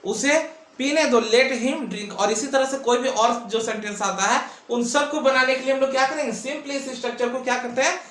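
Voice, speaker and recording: A man's voice: very high voice, steady tone, brisk, few pauses, a bit bright. A man teaching an English grammar lesson. He keeps asking his own questions and answering them, stretching out his words. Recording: echoey room, mic at a distance.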